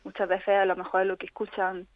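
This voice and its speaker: A woman's voice: medium pitch, monotone, quick pace, dry recording. Woman from on a phone line. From Spain. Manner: earnest, reflective storytelling. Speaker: interview guest, patient advocate. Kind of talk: personal account in a radio interview. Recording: dry, tinny phone line.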